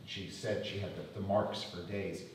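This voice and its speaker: A middle-aged man retelling family history at a public talk, halting and repeating words as he goes. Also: low voice, fairly even intonation, a little hiss or hum. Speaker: lecture speaker. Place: museum lecture room. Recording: echoey hall from far off.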